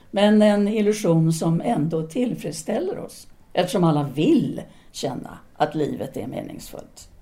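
In an audio drama, a woman with a mellow, medium-pitched voice plays a self-assured female philosophy teacher in 1930s Paris. She speaks in an articulate, formal, and didactic manner.

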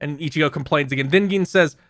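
A man's voice: a little high, fast, a bit bright, dry recording, clean studio sound. A man co-hosting a podcast, casually recapping episodes in a rambling, profane way. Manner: rambling plot recap with frequent profanity and laughs.

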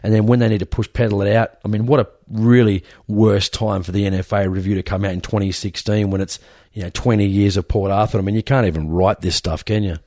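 A man's voice: on the low side, steady tone, fast, a little mellow, dry recording, clean studio sound. An Australian man hosting a podcast, chatting casually in a blokey, matey, rambling way. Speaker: podcast host. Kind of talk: casual interview chat.

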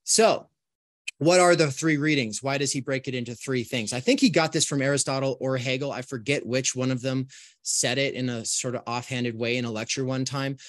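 A man teaching an online philosophy course in an informal, conversational lecture style, thinking aloud with animated asides and restarts. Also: mid-range voice, fairly quick, no room sound, clean studio sound.

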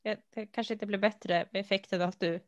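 A woman co-hosting a casual chat, speaking in a relaxed, thoughtful way with hesitant fillers. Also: medium pitch, no echo, dull audio. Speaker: podcast co-host. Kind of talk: casual chat about knitting.

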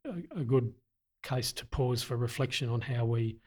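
A middle-aged man, an army veteran, answering interview questions in a deliberate, earnest way with frequent pauses. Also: mid-range voice, darkish tone. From Australia.

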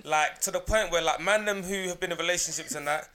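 A young man with a London roadman accent talks quickly in a high voice over loud crowd chatter. His casual storytelling is slangy and repetitive, full of acted-out dialogue. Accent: London roadman, multicultural urban slang. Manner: slangy, repeats phrases, acts out dialogue. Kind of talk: animated casual group banter and storytelling.

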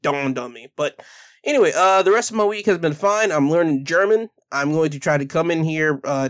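A native English-speaking man with a rather high, fairly bright voice hosts a casual solo podcast. He rambles chattily, restarting and correcting himself, before reading news articles aloud.

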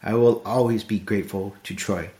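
A middle-aged man talks through a casual podcast monologue, blunt one moment and earnest the next. His voice sits a little low, and his delivery rambles. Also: steady tone, normal speed, dark tone. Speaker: podcast host.

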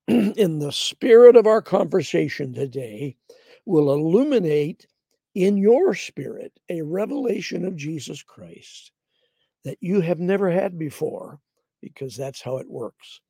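An older man hosting a devotional Bible teaching broadcast, speaking slowly and reflectively in a rough morning voice, often clearing his throat. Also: high-pitched, expressive, mellow, no room sound.

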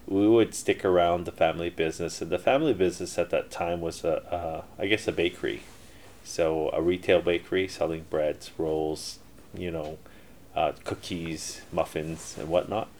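A middle-aged Canadian entrepreneur tells his life story in a casual interview, rambling with lots of fillers and restarts. His voice is deep with a darkish tone.

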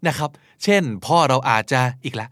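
A man teaching English expressions in a lively lesson, switching between explanation and acted example lines. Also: medium pitch, a little fast, no room sound, studio quality.

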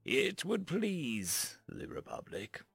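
A man voicing a calm, dignified human male ambassador in a read-aloud sci-fi story, speaking in measured, deliberate phrases. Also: medium pitch, vocal fry, husky, no room sound, faint music behind, heavily acted.

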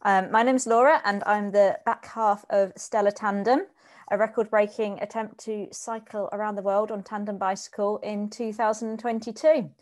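A woman hosting a podcast who introduces her guest and asks questions in a relaxed, conversational way. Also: medium pitch, normal speed. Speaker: podcast host. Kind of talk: casual interview.

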